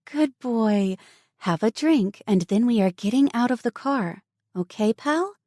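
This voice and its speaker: A woman reading an audiobook voices a kind teenage girl who talks in a soft, sweet, coaxing tone. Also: mid-range voice, animated, moderate pace, dry recording, clean studio sound, pitched above the performer's own voice, close to an everyday voice. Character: kind teenage girl soothing a scared toddler.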